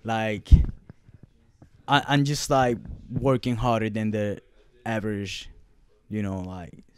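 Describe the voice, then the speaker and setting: A clothing brand founder, born in Puerto Rico and a native Spanish speaker, gives casual interview replies full of fillers and profane street talk. He speaks slowly in a fairly low, level voice with a clean tone, and the recording is dry.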